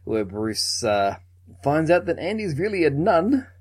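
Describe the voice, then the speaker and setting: A man's voice: on the high side, sing-song, measured pace, a little mellow, husky. A man co-hosting a podcast, casually retelling a film's plot with occasional chuckles. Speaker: podcast co-host. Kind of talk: casual film recap chat.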